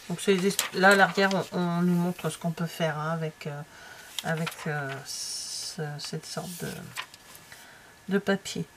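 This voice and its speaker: A woman's voice: on the low side, noisy background. A middle-aged French woman chatting casually as she flips through a craft catalogue, full of fillers and trailing asides. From France. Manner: chatty and hesitant, many fillers and trailing asides, drops to near-whispers. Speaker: craft vlogger flipping through a stamping catalogue. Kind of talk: casual chat.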